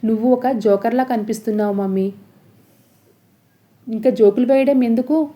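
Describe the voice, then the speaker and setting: A woman's voice: on the high side, moderate pace, warm tone, natural voice. A woman voicing a mocking young adult son who taunts sarcastically, in a serial recap story.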